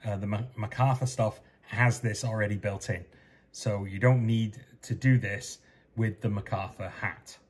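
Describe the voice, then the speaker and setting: A man's voice: fairly low pitch, fairly even intonation, unhurried, husky. A man in his fifties giving a methodical technical tutorial from a basement workshop, recorded on a desk webcam. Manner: methodical, repeats steps plainly. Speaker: DIY sailing electronics presenter.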